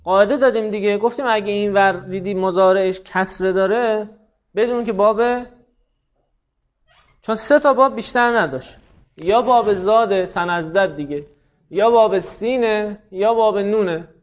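A man with a fairly high voice teaches a classroom lesson, firing questions at students, praising correct answers and running quickly through the rules. The recording is dull and lo-fi. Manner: quizzing students, brisk explanations, frequent praise.

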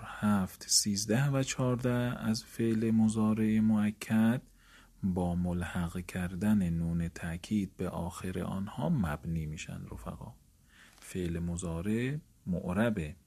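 A man's voice: fairly low pitch, creaky, dark tone, slightly rough. A man explaining a grammar lesson, repeating words for emphasis and addressing his listeners politely. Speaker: teacher.

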